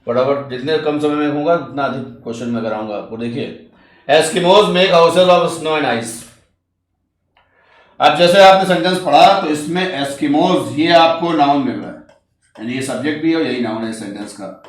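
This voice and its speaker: A man teaching English grammar in a coaching class, explaining step by step and reading each example sentence out slowly. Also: mid-range voice, roomy sound. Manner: explains step by step, often checks "ठीक है".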